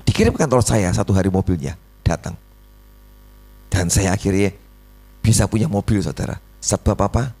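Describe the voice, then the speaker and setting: A middle-aged pastor with a Javanese accent preaches a sermon and tells his story with animated energy. His low voice is gravelly and a little husky, and it leaps up high whenever he acts out what people said. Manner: animated, jumps into high voice for dialogue.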